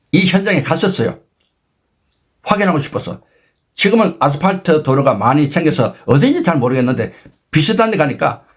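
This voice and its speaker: A man in his sixties hosting his own channel, retelling a personal story with dramatic emphasis and sudden jumps in pitch. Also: breathy edge. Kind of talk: animated storytelling talk.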